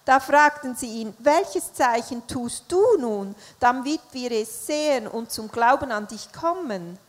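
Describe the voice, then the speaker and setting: A woman with a somewhat high voice interprets a sermon live, following the preacher closely. She occasionally hesitates or corrects herself. A long reverb hangs over the church hall. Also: measured pace. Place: church service.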